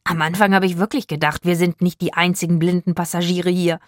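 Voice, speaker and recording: A woman's voice: on the low side, level tone, a little fast, dry recording, clean studio sound, close to an everyday voice. Woman doing a thoughtful young boy. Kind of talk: audiobook narration.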